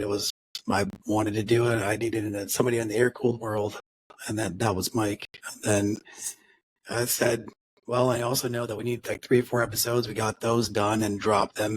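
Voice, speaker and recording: A man's voice: fairly low pitch, slightly rough, no echo, low-quality recording. A man co-hosting a car podcast, chatting casually and rambling, with frequent restarts and acted-out quotes. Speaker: podcast co-host. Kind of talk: casual chat.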